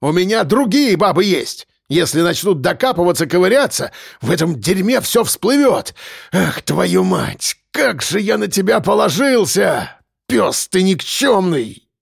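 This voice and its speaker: A man's voice: high voice, big pitch swings, measured pace, vocal fry, slightly rough, dry recording, studio quality, pitched above the performer's own voice, exaggerated voice. A man voicing a furious, foul-mouthed middle-aged male mayor who bellows and bullies. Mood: raging. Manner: bellowing, cursing, bullying.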